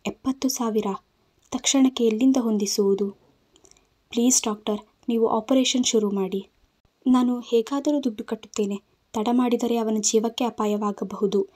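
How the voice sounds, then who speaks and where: A woman's voice: a little high, fairly even intonation, normal speed, warm tone, natural voice. A woman voicing a frightened young woman who pleads through tears in a storybook romance. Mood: tearful pleading. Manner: tearful, trembling pleading.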